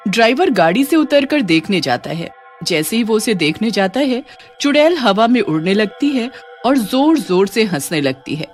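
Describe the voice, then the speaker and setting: A woman's voice: medium pitch, big pitch swings, moderate pace, faint music behind. Woman narrating a horror cartoon. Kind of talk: scripted horror story narration.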